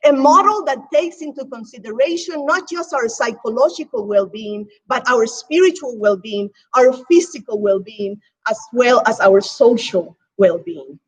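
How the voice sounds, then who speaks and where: A woman from Cuba preaching a sermon as pastor, with emphatic swells and hushed drops. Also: on the high side, moderate pace, few pauses, slightly rough, rough recording.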